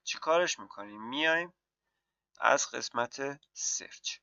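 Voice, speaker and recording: Gravelly male software tutor, dull sound. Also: medium pitch, lively intonation, no echo. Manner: explains step by step, talks through questions and answers himself. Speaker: software instructor. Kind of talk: screen-recorded tutorial.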